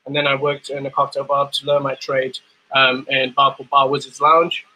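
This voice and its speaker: A man from Zimbabwe, a bartender guest, telling his story in relaxed, rambling chat over a video call. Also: mid-range voice, moderate pace, low-quality recording. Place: dim room at home. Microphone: video call webcam.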